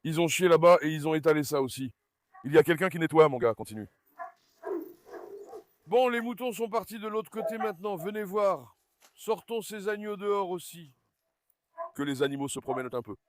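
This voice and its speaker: A man's voice: on the high side, expressive, normal speed, pauses often, background noise. A man vlogging from his farm in a casual, chatty way, coaxing his animals fondly. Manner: chatty, coaxing and fond when talking to animals. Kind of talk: casual vlog narration.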